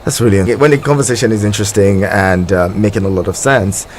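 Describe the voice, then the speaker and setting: A man hosting a phone-in radio show, moving callers along briskly. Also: fairly low pitch, steady tone, slight background noise. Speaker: radio talk show host.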